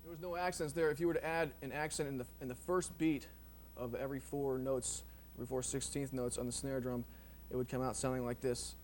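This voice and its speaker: A man teaching drum technique in a relaxed, rambling way, full of ums and you knows. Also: mid-range voice, fairly quick, slight background noise. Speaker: drum instructor. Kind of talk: casual instructional explanation.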